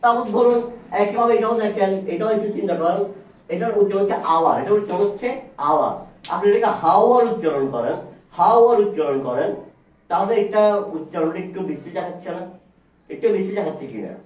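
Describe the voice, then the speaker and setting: A man teaches a whiteboard lesson, his voice high and set back from the mic. He says words again and again and puts questions to the class. The sound is echoey and dull. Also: animated, a little mellow, recorded from a distance. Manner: repeats words slowly, asks the class questions. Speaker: English teacher.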